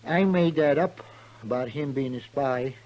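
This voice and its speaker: This vintage 1950s western radio drama features an actor with a mid-range, natural voice, its highs cut off, playing a frail, dying old man. Weary and confiding, he spins his tall tale in a folksy drawl at a measured pace, proud of the telling.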